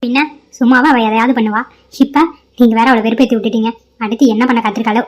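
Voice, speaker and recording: A woman voicing a timid young village wife who speaks softly and uneasily. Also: on the high side, fairly even intonation, quick pace, close to an everyday voice. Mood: uneasy. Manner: soft, uneasy. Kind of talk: cartoon voice acting.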